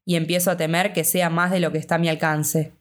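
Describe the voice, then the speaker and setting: A woman voicing a weary, gentle young male hobbit who speaks calmly and reassuringly. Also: on the low side, fast, close to an everyday voice. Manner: calm and reassuring.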